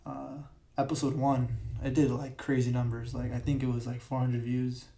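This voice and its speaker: A young man hosts his own casual solo podcast, rambling and correcting himself with plenty of fillers. His raspy, mid-range voice is flat and mellow at a moderate pace, recorded on a podcast mic with a large room audible around him.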